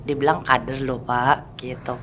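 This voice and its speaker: Guest, woman in her thirties, low voice, candid storyteller who acts out the lines of the people she quotes. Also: flat delivery, a little slow, a bit bright, slight background noise. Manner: candid storytelling, often acting out what others said. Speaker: mother of a child with a rare condition, interview guest. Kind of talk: casual interview talk.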